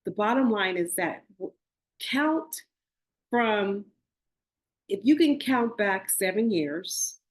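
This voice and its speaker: A woman's voice: mid-range voice, lively intonation, takes it slowly, pauses often. A woman in her forties hosting a spiritual podcast, talking earnestly to her listeners and often restarting and correcting herself. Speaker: podcast host. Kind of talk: casual spiritual talk.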